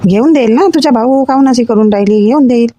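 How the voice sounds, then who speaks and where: A woman acting as a mother in a comedy sketch, gently scolding and reasoning. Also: fairly high pitch, fast talker. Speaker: comic actor playing a mother.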